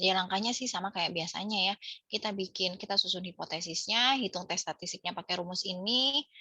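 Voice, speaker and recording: Indonesian woman lecturer, bright slightly husky voice, dry close sound, patient step-by-step explainer who quizzes her students. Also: medium pitch, no echo, dull audio. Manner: explanatory, asks students questions, many fillers. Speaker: statistics lecturer. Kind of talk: online class lecture.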